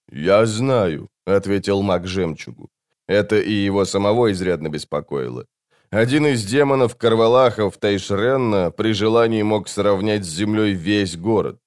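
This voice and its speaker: A man narrating a fantasy audiobook in a measured storytelling delivery. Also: on the low side, a little mellow.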